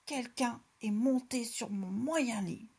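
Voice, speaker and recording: A woman's voice: a little high, slow, darkish tone, slightly rough, exaggerated voice. A woman voicing an indignant middle-sized bear in a storybook tale.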